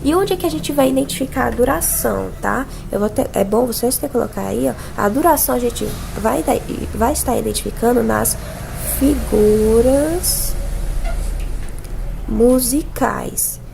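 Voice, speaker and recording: A woman's voice: a little high, lively intonation, brisk, creaky, few pauses, a little mellow, a little hiss or hum. A Brazilian woman teaching a casual music theory lesson, explaining patiently and singing notes and imitating sounds to show them. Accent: Brazilian Portuguese.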